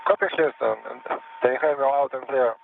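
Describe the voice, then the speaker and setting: A man's voice: medium pitch, normal speed, gravelly. A man on a crew radio comm loop, running a terse procedural voice check. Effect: space-to-ground radio comm loop. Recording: tinny radio link with faint hum.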